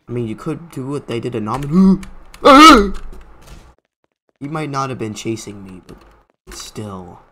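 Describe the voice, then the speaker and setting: A man's voice: medium pitch, creaky, a little mellow, a little hiss or hum. A young man giving rambling let's-play commentary from a home gaming setup, yelping and gasping when startled. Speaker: gaming YouTuber.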